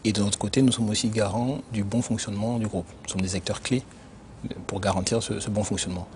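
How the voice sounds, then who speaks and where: A man who grew up in Benin, an internal auditor answering interview questions in a measured, explanatory way with frequent hesitations. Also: on the low side, steady tone, darkish tone, slight background noise. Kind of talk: corporate career interview.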